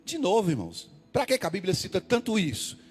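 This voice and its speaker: Lively preaching man in an echoing hall. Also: high-pitched, fast talker, slightly rough. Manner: expressive preaching, repeats words, swings from loud calls to hushed asides. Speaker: pastor. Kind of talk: sermon. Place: church hall. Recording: long hall reverb, faint music.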